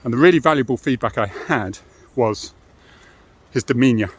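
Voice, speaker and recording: A middle-aged British man and former police officer gives an informal monologue explaining things frankly and matter-of-factly, often adding tag questions. His voice is husky and medium-pitched, and he speaks at a moderate pace.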